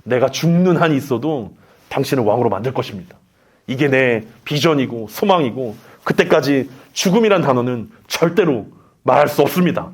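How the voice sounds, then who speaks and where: A pastor acting out an agitated male disciple who confronts his teacher in a low, pressing voice. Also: expressive, brisk, breathy edge. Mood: fierce.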